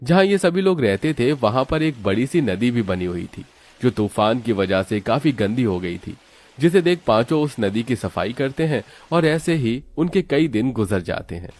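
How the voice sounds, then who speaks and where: A man narrating a cartoon story in a steady, explanatory storytelling manner. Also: mid-range voice, moderate pace.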